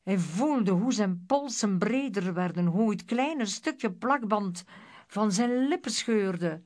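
A woman narrating a children's story aloud in a measured, dramatic way. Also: medium pitch, animated, darkish tone. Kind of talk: storybook reading.

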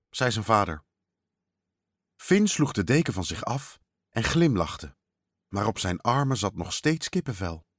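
Man, storybook narrator, expressive reading, lively pitch, dry close sound. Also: no echo. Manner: expressive, measured read-aloud.

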